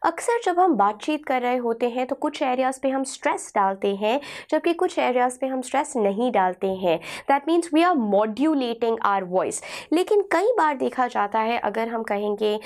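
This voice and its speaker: An Indian woman teaching an online language lesson. Her voice is hoarse from a sore throat, and she speaks patiently, repeating key phrases slowly. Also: a little high, animated, a little mellow. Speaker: English teacher.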